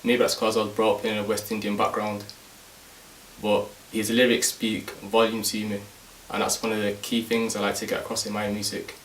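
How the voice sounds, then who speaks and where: Male rapper, flat, low-pitched, echoey room with a distant mic. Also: brisk. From Manchester, England. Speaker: hip-hop artist. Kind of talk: documentary interview. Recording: echoey room, far mic, faint hiss.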